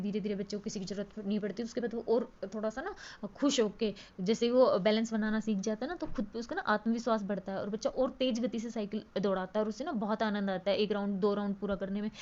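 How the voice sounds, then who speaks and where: A woman's voice: mid-range voice, a little mellow, highs cut off. A woman tutor giving an exam-prep lecture. She explains at length, with many fillers and repeated words.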